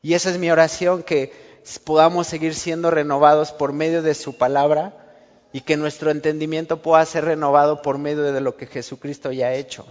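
A man's voice: a little high, little pitch movement, fairly quick, darkish tone. A man preaches a sermon. He keeps it conversational and acts out little everyday exchanges. The sound is muffled and carries a long church-hall reverb. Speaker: pastor.

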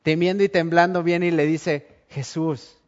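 A male preacher delivers a sermon, bringing scenes to life as he tells them. His voice sits a little high. The recording is dull and lo-fi. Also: moderate pace. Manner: animated storytelling, acts out scenes.

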